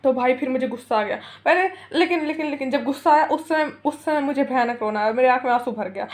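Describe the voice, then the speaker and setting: A woman's voice: high-pitched, fast. A young woman vlogger telling a heated personal story in a casual, rambling way, mixing English phrases into her talk and laughing often. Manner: chatty, rambling, mixes English into Hindi.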